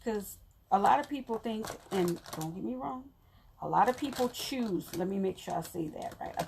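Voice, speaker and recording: Chatty woman with a gravelly voice. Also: fairly low pitch, noisy background. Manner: chatty, talks to viewers while working, laughs often. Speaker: crafter explaining her methods. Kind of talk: casual tutorial chat.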